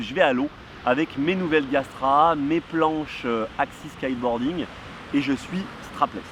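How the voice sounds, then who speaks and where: A man, casually telling a kitesurfing story outdoors, animated and full of fillers. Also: fairly high pitch, a little hiss or hum. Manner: lively, animated, heavy on fillers. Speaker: kitesurf vlogger. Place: outdoors near a surf spot.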